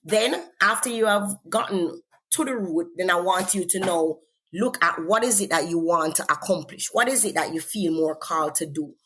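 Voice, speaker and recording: Against slight background noise, a guest author with a Jamaican accent gives earnest, encouraging advice rooted in faith. Her low-leaning, slightly bright voice keeps a normal pace, and she repeats words while gathering her thoughts.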